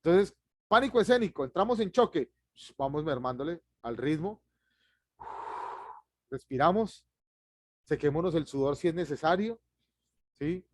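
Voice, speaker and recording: A man, giving an online public speaking class, who talks fast and lively and chuckles at himself. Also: sits high, no room sound.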